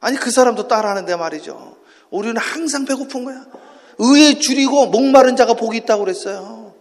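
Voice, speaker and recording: In a church sanctuary, a pastor with a very high voice preaches an early-morning sermon at a brisk pace. He's impassioned, swinging from hushed talk to shouting and leading the congregation in call-and-response, all under long hall reverb.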